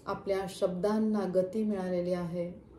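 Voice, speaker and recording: A woman leading a guided chakra meditation with slow, soothing instructions. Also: lowish voice, level tone, warm tone. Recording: echoey room, faint background hum.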